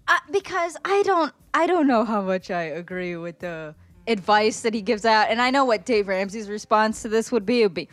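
A woman's voice: mid-range voice, animated, moderate pace, dry recording. A young adult woman co-hosting a podcast in casual, jokey banter, often laughing as she talks. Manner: jokey, laughs often, mock-announcer voice at times. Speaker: podcast co-host.

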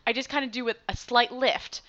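A woman's voice: on the high side, fairly even intonation, brisk, sharp tone. A woman in her thirties co-hosting a casual podcast, chatty and laughing often. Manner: chatty, laughing, acts out quoted voices. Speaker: podcast co-host. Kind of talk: casual chat. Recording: dull lo-fi borrowed equipment.

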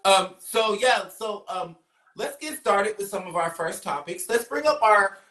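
A woman's voice: medium pitch, lively intonation, unhurried, a bit bright. A woman hosting a casual chat show, teasing her guests and laughing often. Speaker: podcast host. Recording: echoey room, distant mic.

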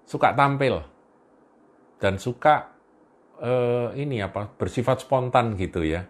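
A man's voice: mid-range voice, slow. A male preacher delivering a sermon in a storytelling manner, often chuckling and addressing his listeners directly.

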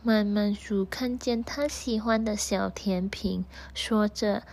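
A woman telling a children's story in a slow, soothing way. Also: mid-range voice, fairly even intonation, creaky, darkish tone.

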